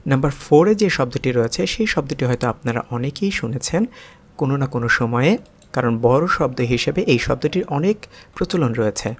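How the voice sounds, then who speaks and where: A man teaching an English vocabulary lesson. He explains each word slowly, breaks long words into parts, repeats them, and puts questions to the viewers. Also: medium pitch, lively intonation.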